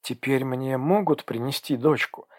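A man's voice: mid-range voice, measured pace, natural voice. A frightened young mother, anxious and pleading, her voice often lifting above the reader's usual range. A man acts her out in an audiobook reading.

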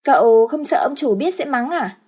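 A woman's voice: sits high, expressive, normal speed, a little mellow, husky, pitched above the performer's own voice. A woman voicing a nosy young male servant who questions his master familiarly. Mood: curious. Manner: inquisitive, familiar.

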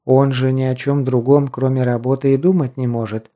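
A man reading an audiobook, voicing a proud but sheltered young noble girl in a raised, softened voice. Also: medium pitch, little pitch movement, moderate pace, highs cut off, close to an everyday voice.

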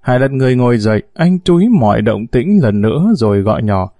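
A man narrating a story in a steady, measured storytelling way. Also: medium pitch, no echo. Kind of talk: audiobook story reading.

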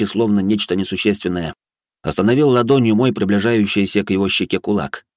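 A man's voice: fairly low pitch, a little mellow, dry recording. A man narrating a gritty first-person audiobook in an intense, dramatic way on a close studio mic.

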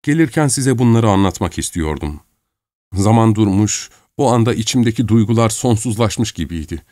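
A man narrating an audiobook in the first person, reading in a measured, expressive way. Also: lowish voice, no room sound, studio quality.

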